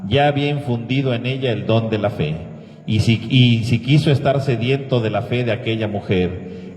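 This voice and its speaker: A man serving as priest, reciting and partly chanting the prayers of the Mass in a solemn, measured way, with a cathedral echo around his voice. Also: mid-range voice, a little mellow. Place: large church. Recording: echoey church with long reverb.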